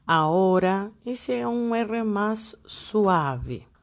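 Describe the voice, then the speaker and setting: A woman's voice: mid-range voice, expressive, drawn-out words, creaky. A woman, teaching Spanish pronunciation and reading out example words one by one. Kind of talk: pronunciation lesson.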